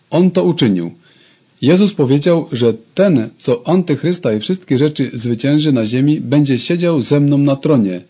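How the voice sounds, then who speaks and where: A man's voice: mid-range voice, mellow, breathy edge. A man preaching a sermon, fervently addressing his congregation.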